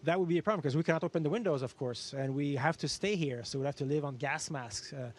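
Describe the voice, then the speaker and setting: A fast-talking Canadian man with a fairly high voice plays an astronaut guest fielding students' questions in an educational session. He explains things plainly through everyday comparisons, and there's a little hiss or hum in the audio.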